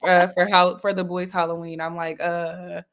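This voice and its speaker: A woman's voice: fairly low pitch, completely flat delivery, moderate pace, over a noisy crowd. A woman, talking candidly as an interview guest and laughing often. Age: 30s. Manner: giggly, candid. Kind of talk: casual interview.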